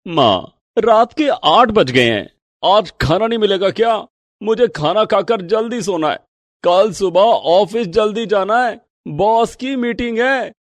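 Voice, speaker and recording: A man voicing a tired young son in an animated storybook, complaining slowly and plaintively. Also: sits high, no echo.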